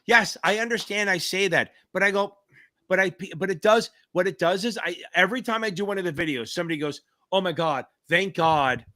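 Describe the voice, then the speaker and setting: A middle-aged man hosts a live question-and-answer stream, calling out viewers by name. He hypes them up with swear words and shouted cheers. His voice sits fairly high and sounds bright and forceful. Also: quick pace. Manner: hyped, profane, shouty cheers. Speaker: livestream host and exam tutor. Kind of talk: live Q&A chat.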